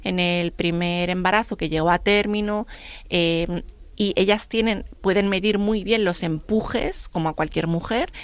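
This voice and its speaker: A middle-aged woman, a radio guest telling lively anecdotes and acting out the dialogue. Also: fairly low pitch, a little slow, clear, resonant tone, dry recording. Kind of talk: radio interview storytelling.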